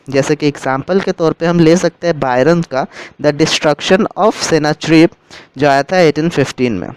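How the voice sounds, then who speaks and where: A man gives a literature lesson, moving patiently from term to term and rephrasing each one. His voice is clear and crisp, and sits slightly high for a man. The sound is dry and close, with no room around it. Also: no echo, poor audio. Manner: steady explanatory, repeats and rephrases terms. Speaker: literature teacher. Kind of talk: explaining a lesson in Hindi with English terms.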